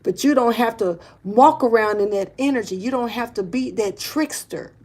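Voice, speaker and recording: A woman's voice: fairly high pitch, normal speed, a little mellow, slightly rough. Blunt, rambling woman reading tarot. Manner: loose, rambling and blunt, with slang and cursing; earnest and urgent, repeats and restarts often. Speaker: tarot reader. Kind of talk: casual spiritual tarot reading.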